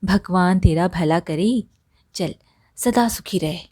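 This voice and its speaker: A woman's voice: fairly low pitch, slow pace, darkish tone. A woman voicing a poor, hardworking old village woman who talks plainly and practically. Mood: homely.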